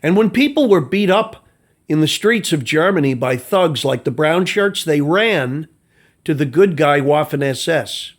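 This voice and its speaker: A man's voice: fairly high pitch, lively intonation, a little slow. Profane, mocking American man ranting. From United States. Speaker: commentator. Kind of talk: angry ranting commentary.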